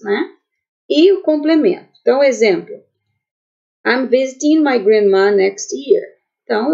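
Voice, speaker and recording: A woman's voice: a little high, creaky, darkish tone, highs cut off. A woman teaching an online English grammar lesson with a Brazilian Portuguese accent, patiently checking in with her students.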